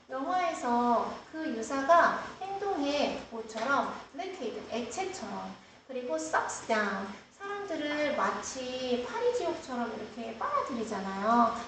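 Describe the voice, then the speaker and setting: High-voiced woman teaching in an echoey room. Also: background noise. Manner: explains step by step, asks the class questions. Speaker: English teacher. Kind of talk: classroom lesson. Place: classroom. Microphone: screen-recorded, far from the mic. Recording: roomy classroom, distant mic.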